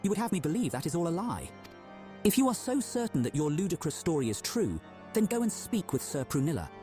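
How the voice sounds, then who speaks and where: A man's voice: on the high side, sing-song, fairly quick, dark tone, faint music behind. An actor playing a devout, wounded male knight who speaks in a stiff, proud and formal manner. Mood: indignant. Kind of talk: game voice acting.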